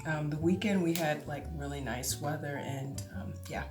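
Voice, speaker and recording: Speaking to camera in an echoey room with background music, a low-voiced vlogger in her late forties keeps things casual. She chats freely, laughs a lot, and stretches out her exclamations.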